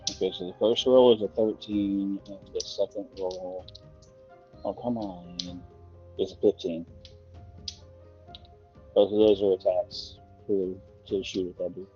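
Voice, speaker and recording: A man's voice: low voice, fairly even intonation, measured pace, long pauses, faint music behind. A man playing a tabletop game over voice chat, mumbling and muffled as if heard through a wall. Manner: mumbling, quiet.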